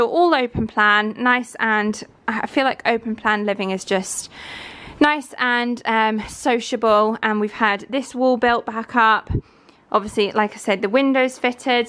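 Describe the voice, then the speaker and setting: A woman's voice: a little high, fairly bright tone, no room sound. Young woman, casual vlogger, rambling and chatty, handheld camera on a building site. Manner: chatty, rambling, lots of fillers. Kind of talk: casual renovation walkthrough. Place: indoor and outdoor building site. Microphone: handheld camera, filming herself off screen.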